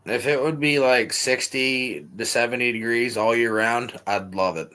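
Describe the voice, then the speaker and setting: Bright-voiced man in his twenties. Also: mid-range voice, normal speed. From Pennsylvania. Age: 20s. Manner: relaxed, swears freely, complains. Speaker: chat participant. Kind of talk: casual chat.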